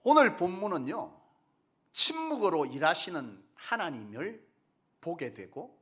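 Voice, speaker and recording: A man's voice: fairly high pitch, a bit bright. A male pastor preaching a sermon, telling a parable and posing rhetorical questions to the congregation. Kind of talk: sermon storytelling.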